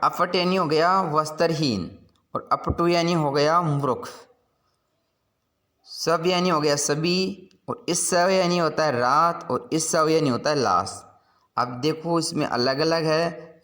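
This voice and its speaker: A man's voice: fairly high pitch, fairly bright tone. A man teaching a school lesson, patiently explaining word meanings and repeating each point.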